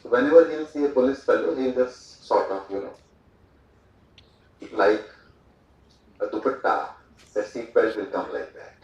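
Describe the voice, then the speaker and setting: A man's voice: mid-range voice, big pitch swings, unhurried, pauses often, darkish tone. A man from India giving a conversational speech at a port event, with fillers and asides. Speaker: speaker at a port day event. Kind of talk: public speech with anecdotes. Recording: echoey hall, voice from far off, dull sound.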